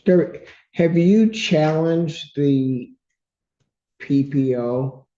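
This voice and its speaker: A man's voice: a little high, very slow, dark tone. A man presiding as judge, firmly questioning and cutting in with repeated "ma'am". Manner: firm, interrupts with repeated "ma'am". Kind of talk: courtroom questioning. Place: courtroom. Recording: dull courtroom audio.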